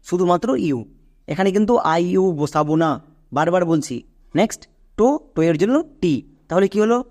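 A man's voice: high-pitched, a little fast, darkish tone. A man teaching English spelling and pronunciation. He goes step by step, repeats each point patiently and keeps asking the viewer questions.

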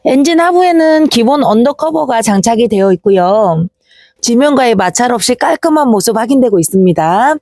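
A woman delivers a slick, upbeat used-car sales presentation in a fairly high voice. Her pitch swings in a very animated way as she walks through the vehicle. The sound is close and dry, with little room echo. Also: normal speed.

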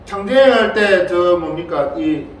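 In a very echoey hall, with his voice far from the mic, an older monk delivers a lighthearted Dharma lecture and keeps questioning his listeners. His voice is high, expressive, and slow, with slight background noise.

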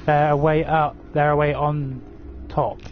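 A gaming streamer plays a horror game live, swearing and grumbling at it in frustration as he talks to his viewers. His voice is a little high, with a level tone and measured pace. The stream audio is dull and lo-fi, with game noise in the background.

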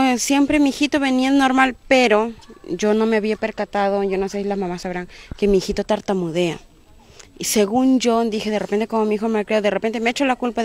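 A woman speaks earnestly with steady worry about her child. Her voice sits at a middle pitch as she explains what she has noticed. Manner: worried, earnest. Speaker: mother of a pupil. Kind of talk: news interview testimony.

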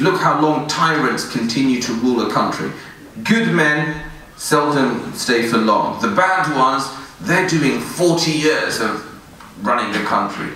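A man's voice: mid-range voice, bright, forceful tone. Earnest man preaching in echoey hall. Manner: earnest, pleading, gestures broadly, recites Quranic verses in Arabic. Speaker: imam giving a Friday sermon. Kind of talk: sermon. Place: indoor prayer room with woven screen backdrop. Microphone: stand mic near mouth. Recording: echoey room, voice a bit distant.

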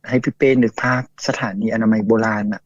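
A man's voice: lowish voice, flat delivery, a little fast, dry recording. Chatty man telling a ghost story. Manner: chatty, with many fillers, acting out quotes. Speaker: guest storyteller. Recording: dull lo-fi dry audio.

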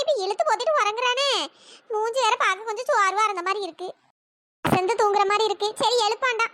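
A woman's voice: pushed and bright, dry recording, clean studio sound. A woman voicing a scolding, wailing old grandmother with an in a cartoon. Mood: worried. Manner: shrieking, scolding, melodramatic wailing. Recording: high pitch-shifted cartoon voice with background noise.

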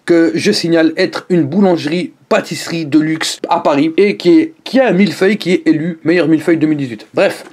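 Chatty, animated man vlogging to camera. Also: fairly high pitch, fairly quick, hardly any pauses. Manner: chatty and animated, with exclamations and asides to viewers. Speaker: food reviewer YouTuber. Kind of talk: casual vlog chat to camera.

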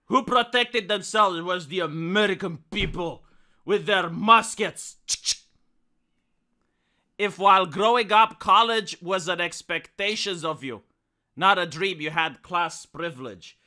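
A young adult man giving a satirical dramatic reading like a hammy stage actor, pompous and theatrical, swinging from hushed lines to loud declaiming. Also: high-pitched, a little slow. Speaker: comedic narrator.

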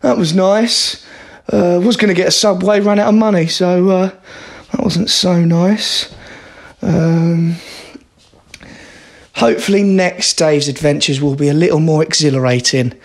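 A man narrating his own vlog in a flat, self-mocking way. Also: high-pitched, unhurried.

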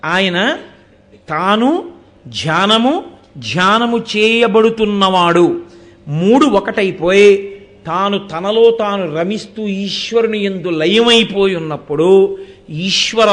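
A man giving a live devotional discourse to an audience, asking rhetorical questions and quoting verses as he explains. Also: high voice. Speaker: spiritual discourse speaker.

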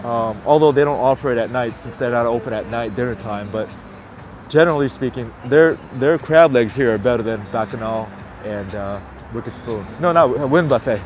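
Medium in pitch and normal in speed, this man's voice comes over music. A vlogger with a stuffy nose, he's out on a city sidewalk at night live-streaming on a handheld phone. He talks casually to viewers and keeps repeating his greetings.

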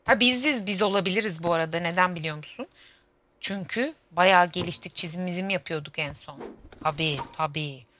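A woman's voice: lowish voice, brisk, a bit bright, a little hiss or hum. A young woman in her twenties streaming a game, chatting casually and grumbling and exclaiming to herself as she plays. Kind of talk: casual gameplay livestream chat. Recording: dull lo-fi stream audio with faint game music.

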